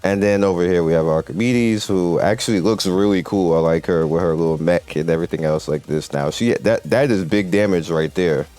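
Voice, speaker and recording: Speaking briskly with few pauses, a man with a deep, darkish voice delivers loose, rambling video game commentary as a gaming video host. Game music plays in the background.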